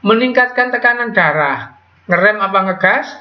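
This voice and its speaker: A man teaching biology to a class, quizzing students with quick call-and-response questions in a casual manner. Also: sits high, lively intonation. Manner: casual, with Javanese slang words. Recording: echoey, dull lo-fi classroom audio.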